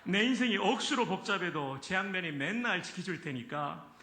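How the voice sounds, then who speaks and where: A man voicing a blunt, rough Gyeongsang-accented man reciting a psalm. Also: high voice, animated, normal speed, pushed and bright, echoey room, voice pushed up, exaggerated voice. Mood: boisterous. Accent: Gyeongsang dialect.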